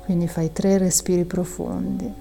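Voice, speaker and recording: Leading a guided breathing meditation, this woman sounds gentle and calming, letting out long audible exhales. Her pitch is fairly low with some vocal fry, her pace is moderate, and faint music plays behind her.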